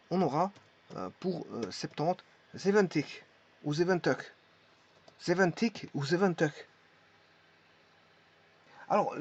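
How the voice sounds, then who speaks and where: This man teaches a language aloud, halting as he says each word twice to model its pronunciation. His high voice is slightly rough and a little mellow, heard through a dull, lo-fi recording.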